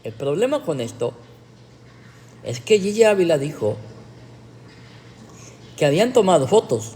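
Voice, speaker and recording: A man's voice: fairly high pitch, very animated, a little slow, mellow, big-room sound. A man, a pastor, preaching a livestreamed teaching sermon in a sarcastic way, with emphatic rhetorical questions.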